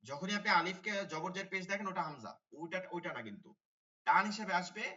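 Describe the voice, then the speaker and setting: A man's voice: high-pitched, animated, fast, pushed and bright, recorded from a distance, dull audio. A man teaching an online tajweed class, repeating key terms and asking his students questions. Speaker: Quran teacher.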